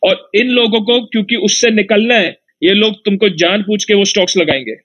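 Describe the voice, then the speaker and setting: A man from Nepal with a high-pitched voice delivers a preachy, taunting rant, warning listeners and mocking rivals in a mock-serious tone. He talks into his own device in an online audio room, and the sound is dull and lo-fi. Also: brisk, fairly bright tone. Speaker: market commentator in an audio chat room.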